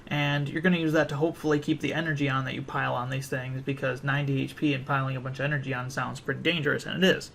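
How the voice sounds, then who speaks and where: Tired young man with a gravelly voice. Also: medium pitch, level tone, fast, hardly any pauses, fairly bright tone, slight background noise. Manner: rambling, full of ums and restarts. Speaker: card game deck reviewer. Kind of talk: casual deck walkthrough.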